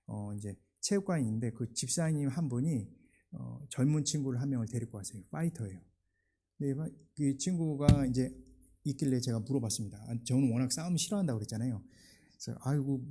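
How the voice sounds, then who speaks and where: A man's voice: mid-range voice, warm tone, breathy edge. A male pastor giving a sermon, telling stories in a conversational way and building to emphatic preaching. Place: church sanctuary.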